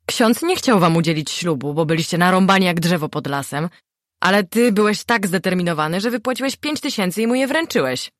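Kobieta jako apodyktyczna, niecierpliwa przyjaciółka. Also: female voice, fairly low pitch, expressive, brisk, no echo, studio quality, natural voice. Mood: scolding. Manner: commanding, scolding. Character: bossy young woman friend, sharp and impatient.

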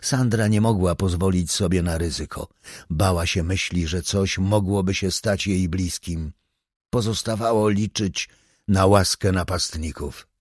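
Low-voiced man narrating a thriller. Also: measured pace, breathy edge, no room sound, studio quality. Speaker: audiobook narrator.

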